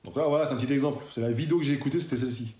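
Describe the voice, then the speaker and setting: A man's voice: medium pitch, racing, darkish tone. Laid-back man chatting in an echoey room. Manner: chatty, slangy, addresses viewer as "tu". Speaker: fitness YouTuber. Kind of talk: casual talk to camera.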